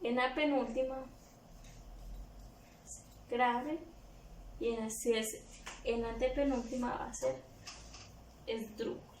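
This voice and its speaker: A woman's voice: on the high side, fairly even intonation, takes it slowly, pauses often, far from the mic. Patient woman teacher in an echoey room. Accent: Guatemalan Spanish. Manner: patient, explains step by step to pupils. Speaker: primary school teacher. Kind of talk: recorded remote review lesson for children. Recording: echoey room, faint background noise.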